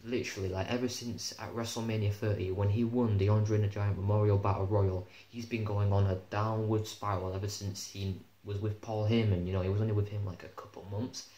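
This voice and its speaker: A man's voice: on the low side, level tone, brisk, hardly any pauses, dark tone. A young man giving an opinionated, casual review of a wrestling show, swearing freely as he talks. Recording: echoey room with faint hum.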